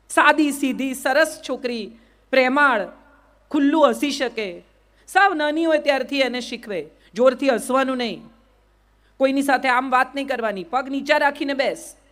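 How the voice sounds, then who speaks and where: A middle-aged woman with a Gujarati accent giving a lively motivational speech, often putting questions straight to her audience. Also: high-pitched, moderate pace. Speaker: public speaker.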